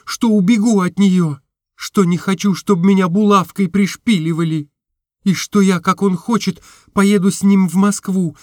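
A man's voice: high voice, no room sound, studio quality, voice pushed up, lightly acted. A man reading an audiobook, voicing a young woman who is tearful and impassioned in her telling. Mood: pleading. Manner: rising to sobbing outbursts.

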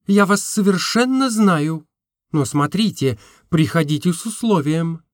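A man voicing a frank, earnest young woman who gently teases, in an audiobook reading. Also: on the high side, expressive, measured pace, dry recording, studio quality, pitched above the performer's own voice. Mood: earnest confiding. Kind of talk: audiobook character voice.

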